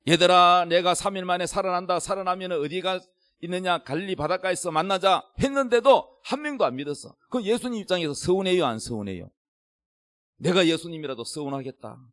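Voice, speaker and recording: A man's voice: high voice, no echo, studio quality. A middle-aged man preaching an emphatic sermon as a pastor, questioning the congregation directly. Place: church.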